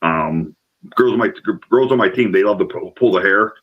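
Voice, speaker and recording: A middle-aged man tells a long story in casual conversation, his voice sitting a little low. He rambles and gets excited, stumbling over repeated words as he goes. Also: normal speed, slightly rough, narrow, tinny audio. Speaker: paranormal investigator guest.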